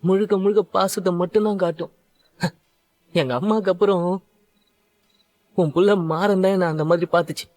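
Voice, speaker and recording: A man's voice: high-pitched, steady tone, moderate pace, pauses often, darkish tone, no echo, close to an everyday voice. Ex-convict lad, earnest and emotional, light voice, dry close sound, played by a man in a serial dub. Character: grateful young man, former prisoner. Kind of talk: dubbed serial dialogue.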